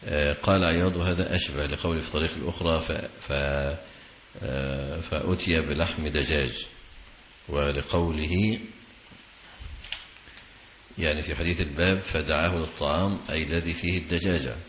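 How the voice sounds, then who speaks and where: Very deep-voiced man teaching slowly. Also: fairly even intonation, fairly bright tone, a little hiss or hum. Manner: slow and measured, with frequent drawn-out "aah" pauses. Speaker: Islamic scholar teaching hadith commentary. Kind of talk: religious lesson reading and explaining a text. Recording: echoey, dull lecture recording.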